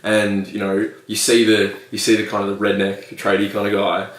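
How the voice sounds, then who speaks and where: A man's voice: on the low side, monotone, moderate pace, far from the mic. A man co-hosting a podcast, talking in casual chat with earnest, sweary, rambling speech, on echoey, off-mic audio. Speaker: podcast co-host.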